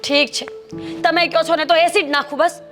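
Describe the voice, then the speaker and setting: Actress doing a sulky, scolding young wife, Gujarati accent, high voice, faint music behind. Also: female voice, steady tone, normal speed, a bit bright. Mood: lecturing. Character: hot-tempered young wife, quick to complain. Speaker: young wife in a family drama. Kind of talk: Gujarati family drama acting.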